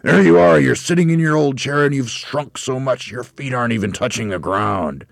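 A bullying old storybook husband, acted by a male reader, full of nasty glee. He taunts with heavy, drawn-out emphasis, his gravelly voice swooping widely. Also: deep voice, expressive, dry recording, studio quality, exaggerated voice. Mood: gloating accusation. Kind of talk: theatrical children's storybook reading.

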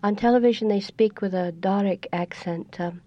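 An older woman with a Scottish accent, a guest on a radio interview, explaining things in a measured, storytelling way. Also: medium pitch, warm tone. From Scotland. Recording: dull lo-fi radio recording.

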